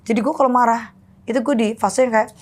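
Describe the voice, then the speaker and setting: A woman's voice: on the high side, steady tone, brisk, a little mellow. A woman guest on a podcast, candidly telling stories about her children and mixing in English phrases. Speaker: podcast guest, actress and mother. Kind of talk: casual podcast chat.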